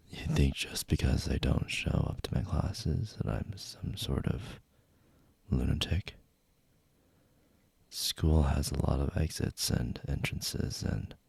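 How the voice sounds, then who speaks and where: Casting: male actor as taunting young bully for whispered role-play; very husky, slow-paced, gravelly, teasing and intimate delivery. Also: very deep voice, a little mellow, dry recording, exaggerated voice. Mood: taunting, challenging.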